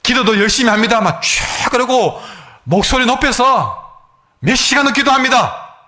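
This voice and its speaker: A man preaches a sermon in a high voice that swoops up and down. He is emphatic and acts out the voices of his congregation. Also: expressive, moderate pace, pushed and bright. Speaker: pastor.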